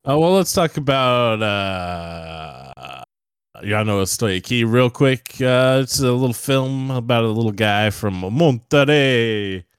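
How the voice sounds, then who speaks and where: A man's voice: mid-range voice, lively intonation, takes it slowly, smooth, dry recording, studio quality. A young man co-hosting a podcast, chatting casually and profanely about movies in a rambling, laid-back way. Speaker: podcast co-host. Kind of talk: casual movie-review chat.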